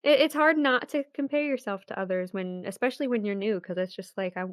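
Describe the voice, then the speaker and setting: A woman's voice: medium pitch, quick pace, no room sound, clean studio sound. A woman co-hosting a casual podcast, chatty with a lot of filler words. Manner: chatty, lots of likes. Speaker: podcast co-host.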